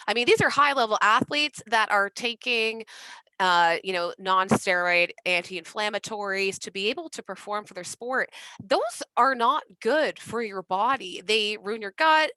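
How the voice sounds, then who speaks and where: Woman hosting a chill podcast, bright smooth voice, dry close sound. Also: lowish voice, dry recording, low-quality recording. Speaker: podcast host. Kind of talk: casual podcast chat.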